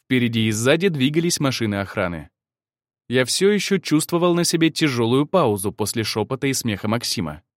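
A man narrating first-person fiction in an expressive reading. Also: medium pitch, fairly quick, dry recording, studio quality. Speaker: audiobook narrator.

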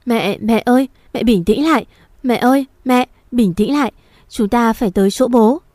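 A woman's voice: on the high side, normal speed, darkish tone, no room sound, clean studio sound, natural voice. A woman voicing a frantic young daughter who sobs and begs for help in a storybook reading. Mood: pleading. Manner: sobbing, pleading.

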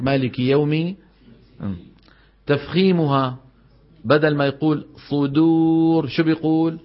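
Man teaching recitation, lo-fi. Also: on the high side. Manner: demonstrates correct and faulty pronunciations, quizzes students. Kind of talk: classroom lesson on tajweed. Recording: dull lo-fi lecture recording.

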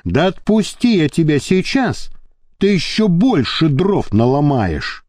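Brief: male narrator as a wry, mocking henchman in an audiobook, lecturing, mellow voice, dry recording. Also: on the high side, big pitch swings, takes it slowly, no echo, voice pushed up, full character voice. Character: sardonic reasoning male henchman.

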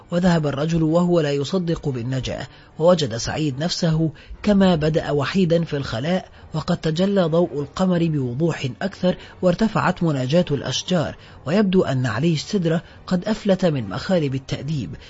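Husky guy reading a novel, measured, kinda muffled lo-fi audio with faint music. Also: fairly high pitch, expressive, a little mellow. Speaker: narrator. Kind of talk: audiobook narration.

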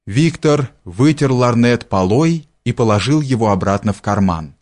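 Male audiobook narrator, measured and expressive classic prose reading, mid pitch. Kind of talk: scripted literary narration.

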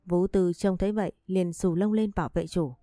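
A woman reading a family drama story aloud in a steady storytelling voice. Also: on the low side, a little fast, no room sound. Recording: dry close voice with faint music behind.

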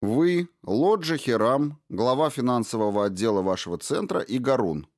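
A man's voice: mid-range voice, lively intonation, normal speed, dry recording, clean studio sound, voice pushed up, close to an everyday voice. A man voicing a sly male investigator who asks probing questions in an innocent tone.

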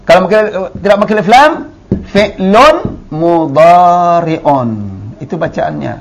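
Speaking very fast, a man with an Indonesian accent teaches Arabic grammar in a classroom, his high voice gravelly, slightly rough, and lively in intonation. Still, he explains patiently, repeats key terms, and drawls the words he models.

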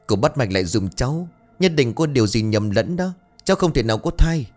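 A man voicing a proud, stubborn eighteen-year-old village girl, high and pleading. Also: lively intonation, a little fast, soft background music, natural voice. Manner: high and pleading, breaking into defiance.

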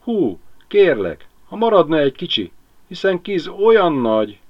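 Humble hungry crow for a storybook, high and pleading, read by a man; dull lo-fi sound. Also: sing-song.

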